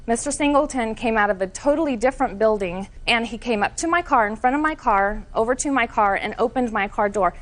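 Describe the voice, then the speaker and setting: A woman's voice: fairly high pitch, a little fast, few pauses. A woman testifying as plaintiff in court, telling her side in an earnest, detailed, somewhat defensive way.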